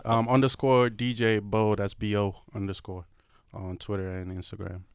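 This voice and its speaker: A man from Cameroon answers a radio host's questions in a relaxed, easygoing way. His voice is low and smooth. The studio sound is dry and close. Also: moderate pace, no echo. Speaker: DJ and radio guest. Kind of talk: casual radio interview. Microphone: studio microphone.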